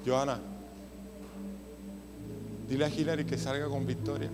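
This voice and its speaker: A man preaching a sermon, moving from hushed storytelling to loud impassioned preaching. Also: medium pitch, level tone, moderate pace, over loud music. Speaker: pastor.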